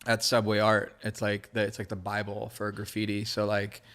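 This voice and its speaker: Speaking at a moderate pace in a fairly low, monotone, somewhat bright voice, a creative director on a podcast rambles through casual stories. He grew up in California after being born in Israel, Hebrew is his mother tongue, and his talk is thick with slang fillers and restarted thoughts.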